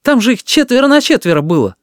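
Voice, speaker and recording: A man's voice: very high-pitched, big pitch swings, fast, no room sound, studio quality, voice pushed up. A man voicing an outspoken schoolboy who mocks the cowards. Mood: mocking. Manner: mocking, loud.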